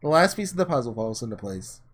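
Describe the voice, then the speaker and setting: This man talks fast with a medium-pitched, slightly rough voice that swings widely in pitch. As a let's-play gaming host, he reads a visual novel dramatically and throws in sarcastic, throwaway comments.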